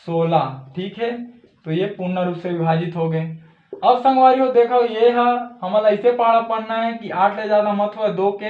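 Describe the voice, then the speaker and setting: High-voiced Chhattisgarhi man teaching math. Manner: patient, repeats "theek hai" often. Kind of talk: blackboard math lesson. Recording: echoey room, dull lo-fi sound.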